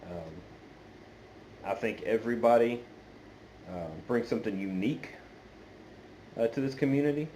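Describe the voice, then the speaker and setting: A man's voice: mid-range voice, lively intonation, mellow, a little hiss or hum, low-quality recording. A man chatting casually to viewers as a video host, hesitant and meandering, on an amateur phone recording. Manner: hesitant, meandering, halting delivery. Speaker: pipe-smoking video channel host. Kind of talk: casual unscripted chat to viewers.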